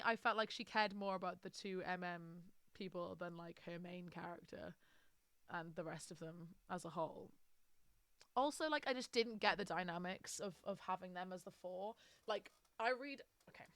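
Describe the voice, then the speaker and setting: A woman's voice: on the low side, fairly bright tone, no echo. A British woman streaming, chatting casually and rambling through a book review with lots of fillers.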